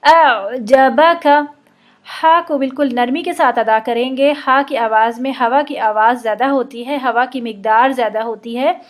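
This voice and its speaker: A woman teaching Arabic letter sounds, explaining patiently and drawing out slow model pronunciations. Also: on the high side. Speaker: Quran recitation teacher. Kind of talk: instructional explanation with slow demonstrations.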